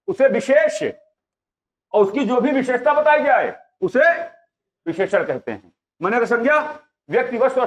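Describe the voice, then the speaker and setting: A male teacher giving a classroom lecture, quizzing his live students with repeated questions. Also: extremely high pitch. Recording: dull lo-fi sound.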